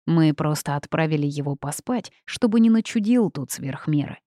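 A woman voicing a calm, steady male werewolf leader in a storybook. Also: deep voice, moderate pace, no echo, studio quality. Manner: calm, placating.

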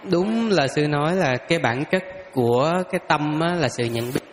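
Explaining monk, fairly high man's voice. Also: expressive, moderate pace, big-room sound, a little hiss or hum. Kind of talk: explaining doctrine in class.

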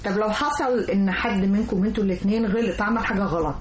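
A woman's voice: medium pitch, rapid-fire. A woman with an Egyptian Arabic accent hosting a casual interview in an inquisitive, probing way. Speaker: host. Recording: roomy echo, faint background noise.

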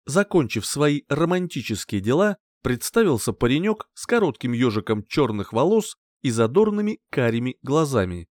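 A man's voice: medium pitch, darkish tone, no room sound, clean studio sound. A man narrating a story in first person with a wry, conversational manner. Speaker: audiobook narrator.

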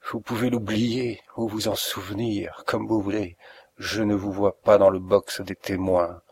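A man's voice: lowish voice, little pitch movement, a little hiss or hum. A man reading a gloating, sneering villain. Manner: mocking, taunting, slow and deliberate. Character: cruel sneering male planter, middle-aged, gloating. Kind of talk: audiobook reading.

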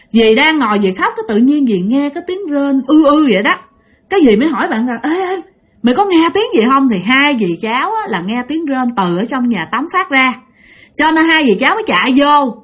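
Husky woman telling ghost stories. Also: high voice, a bit bright. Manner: chatty, emphatic, addresses listeners directly. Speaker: storyteller. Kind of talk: ghost story narration to an audience.

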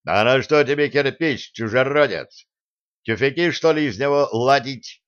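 A man voicing a hot-tempered medieval prince who mocks and commands loudly. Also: mid-range voice, moderate pace, pitched above the performer's own voice, natural voice. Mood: mocking. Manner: loud, mocking, domineering. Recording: dull lo-fi sound.

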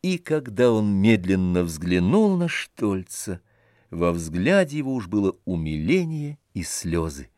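Slow, measured male audiobook narrator. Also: sits low, no room sound, studio quality. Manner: measured, calm storytelling. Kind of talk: scripted literary narration.

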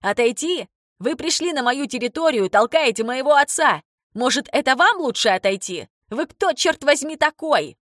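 Woman doing a furious young guy yelling at a cop, pitched up, dry close sound. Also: moderate pace, few pauses, dry recording, lightly acted. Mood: outraged. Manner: shouting, indignant. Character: angry young man defending his father. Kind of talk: audiobook character voice.

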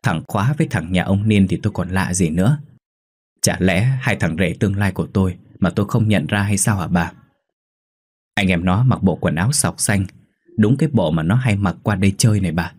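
Vai ông chồng già ở quê, bướng bỉnh, dễ hoảng, người đọc truyện nam thể hiện, giọng trầm. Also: male voice, low voice, breathy edge. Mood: earnest. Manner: halting, stammering whispers when terrified. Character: elderly village husband, stubborn, easily frightened.

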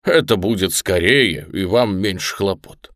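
A man voicing a wise, gently mocking straw scarecrow in an audiobook, speaking weightily. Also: low-pitched, animated, unhurried, no echo, studio quality, heavily acted. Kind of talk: audiobook character reading.

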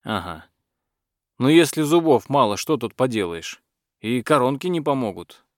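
A man's voice: medium pitch, sing-song, normal speed, dry recording, clean studio sound, lightly acted. A man doing a weary, suspicious blacksmith. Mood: doubtful. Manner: sighing, suspicious. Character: weary doubtful young blacksmith.

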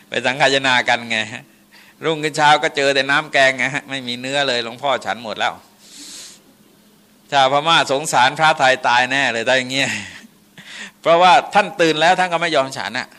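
A Thai Buddhist monk giving a folksy dharma sermon with laughing asides and chanted Pali verses. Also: male voice, medium pitch, brisk, bright, forceful tone, clean tone.

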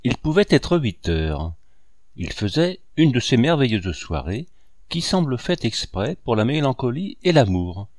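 A man reading a novel aloud as an audiobook, in an expressive storytelling manner. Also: medium pitch, unhurried, dry recording, studio quality. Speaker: audiobook reader. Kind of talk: scripted narration of a novel.

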